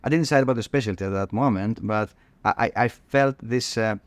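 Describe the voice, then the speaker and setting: A man from Greece with a Greek accent, a cardiologist guest on a podcast, talking in a halting way with many fillers and restarts. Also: fairly low pitch, dry recording. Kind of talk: podcast interview.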